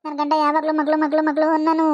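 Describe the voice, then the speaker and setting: A grieving old village widow in a cartoon, voiced by a woman, keening in rural Malnad Kannada and repeating her cries. Her voice sits high and thin. The sound is close and dry. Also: completely flat delivery, very fast, darkish tone, no room sound, lo-fi sound, natural voice. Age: older. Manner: wailing lament, repeating phrases. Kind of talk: animated cartoon voice acting.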